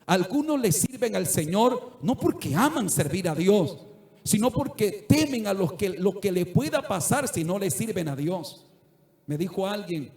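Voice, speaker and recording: A man's voice: high voice, a little mellow. A middle-aged male pastor preaching a sermon earnestly, at times rising to fervent exhortation. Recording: echoey church room.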